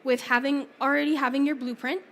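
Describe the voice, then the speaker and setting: A woman gives a live talk from a conference theater stage, her voice slightly high and starting to go. She keeps a chatty tone with frequent small apologies. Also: level tone, brisk, a bit bright. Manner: chatty, laughs often, apologetic asides. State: losing her voice. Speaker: presenter.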